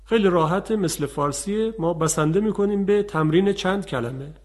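A man teaching a tajweed lesson, calmly explaining and demonstrating letter sounds. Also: high voice. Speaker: Quran recitation teacher.

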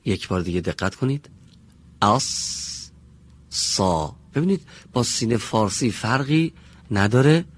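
Low husky male teacher. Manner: patient, deliberate, demonstrates sounds slowly. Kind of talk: classroom pronunciation lesson. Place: classroom with pupils.

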